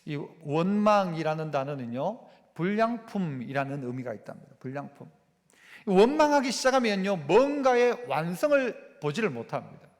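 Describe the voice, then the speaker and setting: A male pastor with a Gyeongsang Korean accent preaching a sermon, acting out complaining voices with lively dialect phrasing, recorded in a church sanctuary. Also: high-pitched, normal speed. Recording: church hall reverb.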